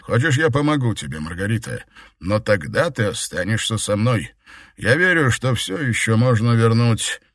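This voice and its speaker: A cold, manipulative emperor, as a male narrator plays him, calm and measured, with a low voice. He sounds self-assured and unhurried. The read is dry. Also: no room sound. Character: scheming emperor, middle-aged man, cold manipulator. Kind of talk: audiobook character voice.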